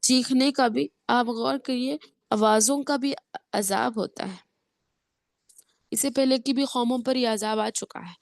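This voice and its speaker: A woman teaching a Quran lesson with tajweed rules, her voice affected by a cold. She explains step by step, often checks in with her students, and chants the verses slowly. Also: on the high side, steady tone, vocal fry, dry recording, clean studio sound. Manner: slow drawn-out chanting when reciting verses.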